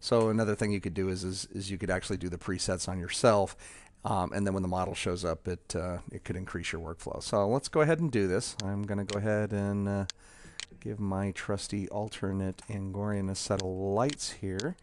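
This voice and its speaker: A man with a low, steady voice casually walks through a demo of his software tool. He talks haltingly, with lots of ums and restarts.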